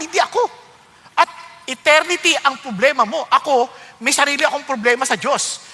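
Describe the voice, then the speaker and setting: A man's voice: very high voice, slightly rough. A man with a Filipino accent preaching a sermon, switching between Tagalog and English and acting out the voices of complainers. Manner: animated, mixes Tagalog and English, acts out complainers. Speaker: pastor. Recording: long hall reverb.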